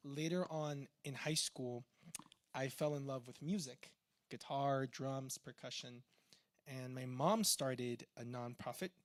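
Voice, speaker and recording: A young Peruvian man with a Peruvian accent, speaking as a tech entrepreneur, gives a chatty, informal, filler-filled talk about his faith. His mid-range voice is slow, captured in a dry recording.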